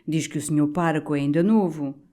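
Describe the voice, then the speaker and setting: A man's voice: fairly high pitch, fairly quick, mellow, lightly acted. A woman voicing a servile, envious male assistant priest, speaking timidly and deferentially.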